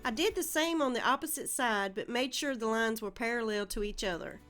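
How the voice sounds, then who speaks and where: Faint music plays behind a DIY channel host from the Southern United States as she narrates a home project, friendly and step by step. Her voice is on the high side, a bit bright, and brisk.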